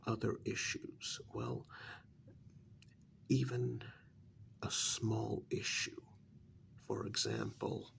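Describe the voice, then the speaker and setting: A softly spoken ASMR role-play features a man whose fairly low voice is breathy and creaky, with big swings in pitch. He half whispers in short, deliberate, halting phrases, and a little background noise can be heard.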